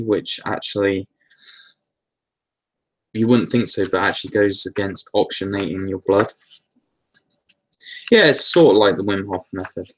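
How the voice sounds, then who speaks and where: A man hosting a casual live Q&A, answering viewer questions in a relaxed, meandering way with lots of fillers and restarts. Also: on the low side.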